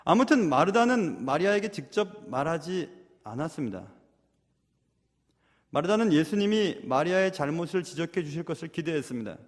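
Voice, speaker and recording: A male pastor preaches earnestly and keeps turning to his listeners with rhetorical questions. His voice is high, and a long reverb trails after it through a church sanctuary. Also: big pitch swings, normal speed. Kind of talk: sermon. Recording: echoey hall reverb.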